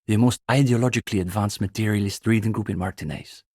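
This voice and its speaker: A young adult man voices a video game's student revolutionary, the leader of a communist reading group: earnest, self-important, a pompous intellectual zealot. His fairly low, husky, darkish voice moves fast and is recorded close and dry. He lectures in a precise, bookish way, his mood guarded and skeptical.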